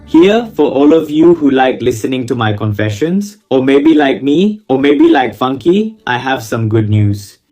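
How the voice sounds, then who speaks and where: A man's voice: mid-range voice, warm tone. A man reading viewer confessions in a casual, slangy style, gleefully relishing the gossip and breaking in with mocking, exclamatory asides. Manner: slangy, exclamatory, theatrical reactions.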